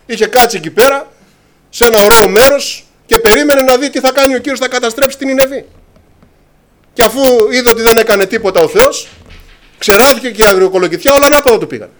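A man's voice: very high-pitched, a bit bright, slight background noise. A man preaching a sermon to his congregation, impassioned, often calling them brothers and acting out scripture dialogue.

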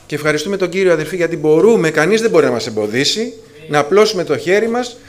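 A man's voice: fairly high pitch, lively intonation. A man preaching a sermon to a congregation, calling them brothers, with frequent filler sounds and restarts as he rises to fervent emphasis. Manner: addresses listeners as brothers, rising to fervent emphasis.

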